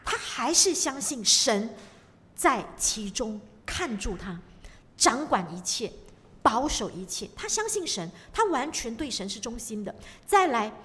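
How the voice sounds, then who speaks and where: Woman preacher, animated and emphatic, asking the congregation questions; echoing hall. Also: a little high, a little slow. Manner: emphatic, full of rhetorical questions. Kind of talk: sermon. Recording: long reverb of a hall.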